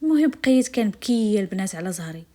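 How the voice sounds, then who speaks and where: A woman's voice: mid-range voice, sing-song, racing, dark tone. A woman with a Moroccan accent telling a story in the first person, speaking to her listeners in a confiding way. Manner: confiding, addresses listeners directly.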